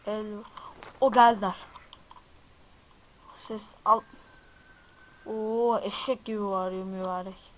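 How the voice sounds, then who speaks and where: A gaming video host chats casually with his viewers through a let's-play, jumpy and quick to exclaim whenever something startles him. His voice sits high with little pitch movement, and he talks slowly with long pauses. The tone is a bit bright, and the audio quality is poor.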